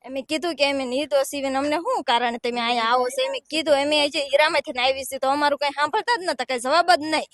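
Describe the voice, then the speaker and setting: A woman's voice: high voice, fast talker, few pauses, a bit bright, dry recording, studio quality. A young woman giving distressed, pleading testimony to a reporter. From Gujarat, India. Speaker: villager interviewed. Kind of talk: emotional testimony.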